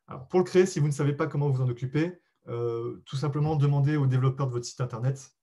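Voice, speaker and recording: A man leads a live online training session in a warm, relaxed voice. He explains things patiently and pauses often to find his words. He speaks politely and directly to his audience. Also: mid-range voice. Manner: explains patiently, with frequent hesitations; addresses listeners directly and politely. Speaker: SEO webinar presenter. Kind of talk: live webinar presentation.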